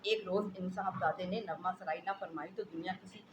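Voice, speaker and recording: A woman's voice: lowish voice, fairly even intonation, fairly quick, close to an everyday voice. A woman reading the part of a sick husband complaining about the noise at home. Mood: irritable. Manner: complaining, exasperated. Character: sick, irritable husband in bed.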